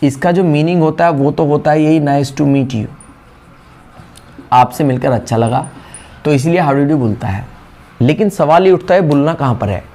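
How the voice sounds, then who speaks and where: A man's voice: a little high, normal speed, pauses often, mellow. A man teaching a spoken English class, explaining step by step and repeating the example phrases. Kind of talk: spoken English lesson in Hindi.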